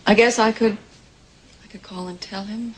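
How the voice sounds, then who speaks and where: A woman's voice: medium pitch, fairly even intonation, moderate pace, a little hiss or hum, lightly acted, low-quality recording. An actress playing an anxious, proud young pregnant woman in a 1980s soap opera, talking hesitantly with stumbling restarts. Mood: anxious, defensive.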